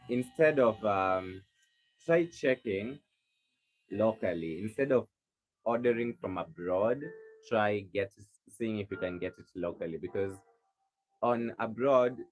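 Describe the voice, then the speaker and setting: On a livestream, a rug maker from Kenya fields viewers' questions in a friendly, helpful, meandering style, often restarting his sentences. He speaks in a lowish voice, and the audio is poor with slight background noise.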